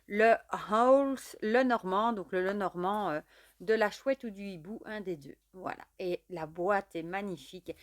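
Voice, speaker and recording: Woman, casual unboxing vlogger, chatty and relaxed, mid-range voice. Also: mid-range voice, a little hiss or hum. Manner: chatty, fills with "voilà" and "euh". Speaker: tarot and oracle deck reviewer.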